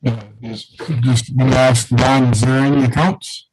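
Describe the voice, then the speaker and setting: A man's voice: medium pitch, level tone, moderate pace, a little mellow, husky. Man on a crackly call line. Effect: crackly, breaking-up call line. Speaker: association treasurer. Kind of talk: business meeting report.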